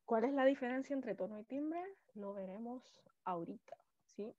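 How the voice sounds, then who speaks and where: A woman teacher with a Chilean accent and a shrill voice, giving a lively online class and often checking in with her students. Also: moderate pace, no room sound. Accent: Chilean Spanish. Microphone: video call. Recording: slightly muffled video-call audio.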